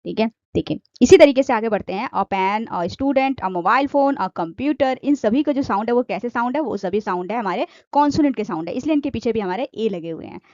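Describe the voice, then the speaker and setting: A woman's voice: fairly high pitch, lively intonation, a little fast, few pauses, darkish tone, dry recording. Woman, grammar teacher, repeats points, dry slightly dull recording. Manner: repetitive, asks and answers own questions. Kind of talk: explanatory grammar lesson.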